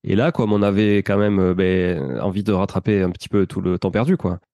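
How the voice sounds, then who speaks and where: This roughly forty-year-old Frenchman from the Toulouse area has a low, gravelly, mellow voice and talks briskly. As a chatty interview guest recounting his story, he keeps saying "tu vois" to the host, and the recording is dry and close.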